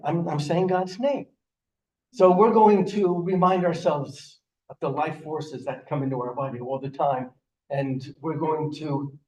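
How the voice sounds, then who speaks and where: A middle-aged man leading a synagogue prayer service, explaining gently with many fillers, heard in a roomy, distant, slightly dull recording. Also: on the high side. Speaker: service leader. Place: synagogue sanctuary.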